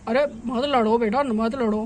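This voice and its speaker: A fatherly man tells two quarrelling women to stop and keep quiet, as a woman puts him on. He talks firm and placating, still fairly high for a man. It sounds like a homemade doll storybook. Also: fairly even intonation, normal speed, noisy background, natural voice. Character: fatherly man, stern peacemaker. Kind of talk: doll story role-play.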